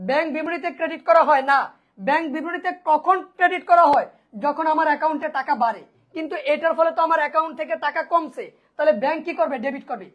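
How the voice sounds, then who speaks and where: High-voiced woman teaching an accounting class. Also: fast talker. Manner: asks and answers her own questions, repeats key points; checks in with students by asking if it is clear. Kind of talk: online coaching class.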